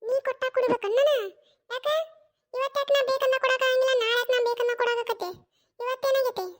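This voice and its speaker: A grumpy, stubborn old mother-in-law in a cartoon comedy skit, voiced by one performer who plays both parts. She scolds and refuses in a North Karnataka Kannada accent. Her voice is shrill and very high, and her retorts come quick and clipped. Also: flat delivery, fairly bright tone. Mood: irritated.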